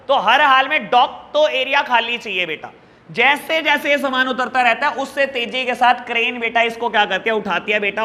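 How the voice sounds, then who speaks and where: High bright-voiced commerce teacher. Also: male voice, big-room sound. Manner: affectionate, calls students "beta" and "babu" constantly; asks the class questions and answers them himself. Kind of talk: classroom lecture.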